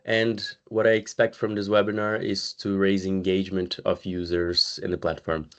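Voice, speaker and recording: A man from Brazil, a community manager, hosting an online webinar in a relaxed, conversational way over a video call. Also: deep voice. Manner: relaxed, conversational, pauses often with "uh" and "um". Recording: slightly muffled video call audio.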